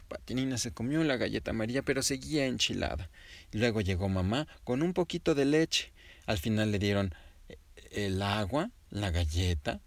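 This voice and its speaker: A man telling a child an improvised bedtime story, gently and animatedly addressing the listener. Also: fairly low pitch, no room sound.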